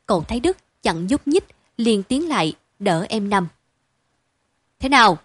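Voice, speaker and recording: A woman narrating a story in an even, measured reading style. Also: medium pitch, husky, dry recording.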